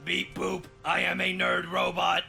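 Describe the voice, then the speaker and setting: A man voicing a teenage boy who mocks his brother by putting on a stiff, sing-song robot voice in an animated cartoon. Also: high-pitched, a little slow, vocal fry, faint music behind, pitched below the performer's own voice, heavily acted. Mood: mocking.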